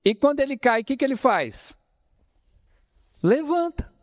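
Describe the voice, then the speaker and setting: Brazilian male spiritist lecturer, animated pitch, dry close sound, preaching with rhetorical questions. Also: a little slow, no room sound. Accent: Brazilian Portuguese, São Paulo interior. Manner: lively preaching, addresses audience as brothers, asks rhetorical questions. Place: spiritist center hall.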